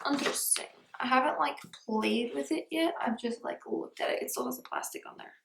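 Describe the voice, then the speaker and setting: A high-voiced woman with a gravelly edge chats her way through a beauty unboxing. She slips into a soft near-whisper now and then. Her voice echoes around the room because she has no proper mic. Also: huge pitch swings, brisk, slight background noise. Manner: chatty, often drops to a soft near-whisper. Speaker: beauty vlogger. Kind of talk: casual unboxing chat.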